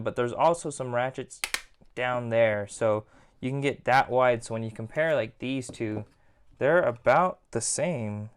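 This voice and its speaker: A man's voice: medium pitch, clear, resonant tone. A man giving a casual, rambling toy review at home, leaning on filler words like "again" and "like". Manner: chatty, rambling, repeats "again" and "like".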